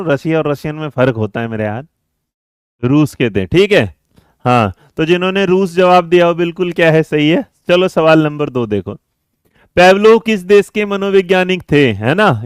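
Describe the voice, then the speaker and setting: Brisk and coaxing, this man runs a live online exam-prep class, quizzing students, calling them "beta" and "mere bachche," and reading and answering their chat messages mid-lesson. His voice is fairly high-pitched and smooth, with lively intonation. The recording is clean studio sound with no room sound.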